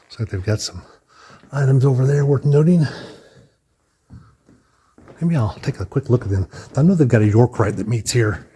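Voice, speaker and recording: A man's voice: mid-range voice, expressive, moderate pace, pauses often, warm tone, slight background noise. A man casually narrating a walking tour of a building, chatty and thinking aloud with restarts, a bit out of breath. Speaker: vlogger touring a building. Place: indoor hallways and large rooms.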